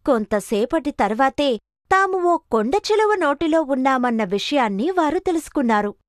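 A woman's voice: high-pitched, animated, normal speed, no room sound, studio quality. A woman narrating a children's cartoon story with dramatic expression.

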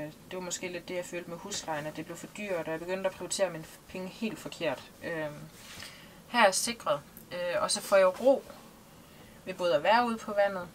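A woman's voice: lowish voice, a little hiss or hum. A woman in her thirties from Denmark, talking casually and thoughtfully in an interview, with many hesitations, seated in a small boat cabin. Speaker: interviewee, liveaboard sailor.

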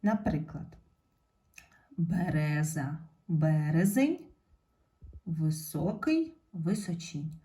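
A woman teacher giving a recorded video lesson to young pupils, dictating words clearly and praising the class as she guides them step by step. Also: on the low side, dark tone. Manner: slow, clear dictation of words for children to write down. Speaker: primary school teacher.

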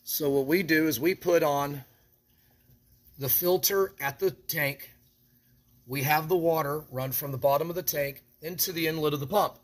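A man with a fairly high voice walks through a build in a hands-on how-to. He explains each step plainly while handling parts in front of a close phone camera. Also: moderate pace. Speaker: equipment shop instructor.

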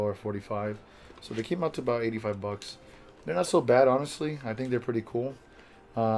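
A young American man with a raspy voice, chatting casually to camera in a rambling, jokey, laid-back way as he hosts an unboxing vlog. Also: on the low side, darkish tone. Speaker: host of a card unboxing vlog. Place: small bedroom, indoors.

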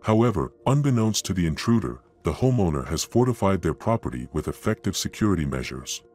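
Male narrator, deep voice, grave nature-documentary storytelling with suspense, faint music underneath. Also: big pitch swings, brisk, darkish tone, breathy edge. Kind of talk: dramatic scripted narration of security footage.

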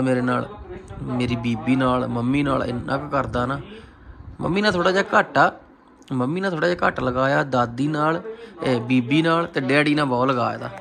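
A man's voice: mid-range voice, gravelly. A man with a Punjabi accent, hosting a casual family vlog and teasing his relatives. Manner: teasing, playful. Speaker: vlogger.

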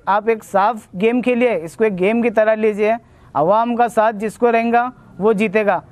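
A man's voice: high voice, smooth, dry recording. A man running for a local ward seat, making earnest, repetitive appeals for votes in an interview. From India. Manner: earnest, repetitive appeals in formal Urdu-laced speech. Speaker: ward election candidate. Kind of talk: campaign interview and vote appeal.

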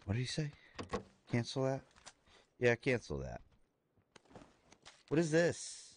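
A man streaming a shooter game live, thinking aloud as he loots, excitable, with his voice jumping up high at times. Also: slow pace, slight background noise. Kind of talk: live gameplay commentary.

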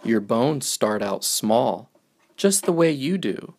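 The simple lines of a children's picture book come out slowly in a man's very gravelly, creaky voice. He lets each phrase take its time, his pitch swinging with lively movement.

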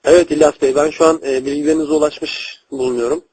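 A man's voice: on the high side, fairly even intonation, fast talker, darkish tone, no echo. A man working as a customer service agent over a landline phone, speaking formally and politely but hesitantly, often repeating his words. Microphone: telephone line. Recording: husky-sounding landline phone call recording.

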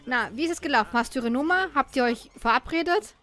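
A woman voicing an excited young hacker friend who teases loudly in a game's dialogue. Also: high voice, quick pace, soft background music, voice pushed up. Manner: loud, teasing.

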